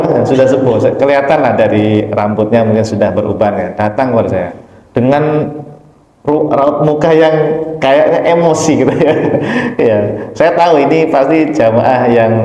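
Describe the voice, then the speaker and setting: A man's voice: mid-range voice, dark tone, lo-fi sound. A man preaching a conversational study lecture, telling a story with animation and often addressing his listeners directly. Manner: emphatic, rising sharply on key points. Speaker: Islamic preacher. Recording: echoey hall with long reverb.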